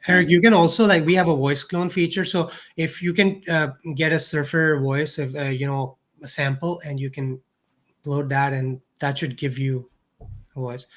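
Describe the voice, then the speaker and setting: A man's voice: fairly high pitch, fairly even intonation, moderate pace, a bit bright. A man co-hosting a casual livestream chat, offering helpful tips with hesitant uhs. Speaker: co-host.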